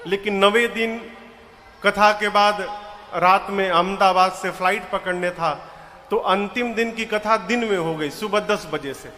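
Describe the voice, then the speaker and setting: Bright high-voiced male storyteller. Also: unhurried, a little hiss or hum. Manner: folksy storytelling with humorous asides; chants verses in a singing voice. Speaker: religious storyteller. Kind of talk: devotional story sermon. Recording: reverberant live hall with faint music.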